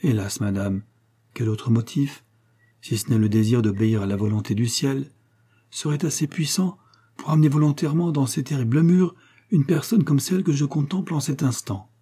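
A man voicing a smooth-talking young preacher in prison in an audiobook, speaking in an unctuous, fervent manner. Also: medium pitch, moderate pace, mellow, pitched above the performer's own voice, lightly acted. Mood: solemn. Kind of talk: audiobook character reading.

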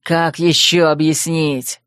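Lady doing a stubborn werewolf guy, short gruff lines, low voice. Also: flat delivery, takes it slowly, fairly bright tone, dry recording, clean studio sound. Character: gruff young male werewolf student, prickly.

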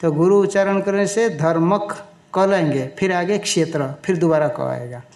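A man teaching a Sanskrit scripture in a slow, deliberate lecture, chanting verses and pausing to explain their pronunciation and meaning. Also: high voice, a little mellow. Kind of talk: Sanskrit text lecture in Hindi.

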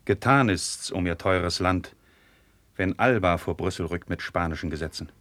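A grave, deep-voiced noble friend. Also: male voice, fairly bright tone, dry recording. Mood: solemn. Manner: measured, solemn verse delivery. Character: loyal noble friend of the prince, earnest and grave. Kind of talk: 1950s radio drama acting.

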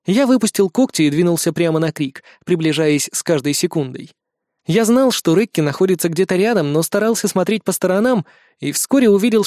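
High-voiced male audiobook narrator. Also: dry recording, clean studio sound. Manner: steady, measured storytelling. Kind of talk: first-person audiobook narration.

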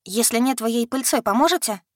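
A woman's voice: fairly high pitch, fairly quick, no room sound, studio quality, pitched above the performer's own voice, lightly acted. A woman voicing a curious young female magic student who asks many questions.

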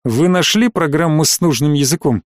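A man's voice: a little high, moderate pace, dry recording, clean studio sound, lightly acted. Man reading as stern weary space colonel. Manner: clipped, commanding.

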